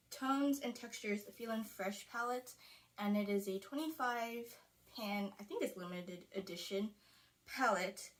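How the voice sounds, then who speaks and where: Chatty young woman rambling to camera. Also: medium pitch. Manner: rambling, chatty, frequent "like" fillers. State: sweating, a little out of breath. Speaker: beauty vlogger. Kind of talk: casual talking-to-camera vlog. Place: small closet filming space.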